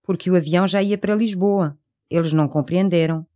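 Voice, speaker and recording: Female language-course reader, European Portuguese, slightly low register, careful scripted delivery. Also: steady tone, a little fast, warm tone. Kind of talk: scripted language-lesson dialogue.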